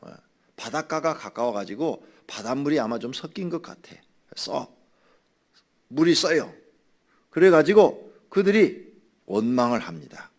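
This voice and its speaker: A man teaches scripture to his congregation in a relaxed, conversational sermon. His pitch moves around a great deal as he explains. He stops now and then to act out grumbling people. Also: measured pace, long pauses. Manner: drinks water while speaking. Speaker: pastor. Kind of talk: Bible study sermon.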